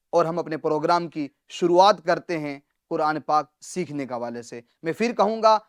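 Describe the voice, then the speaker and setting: A man's voice: fairly high pitch, smooth, no room sound, clean studio sound. Earnest preaching male Quran teacher. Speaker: Quran recitation teacher and TV host. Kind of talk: televised religious lesson.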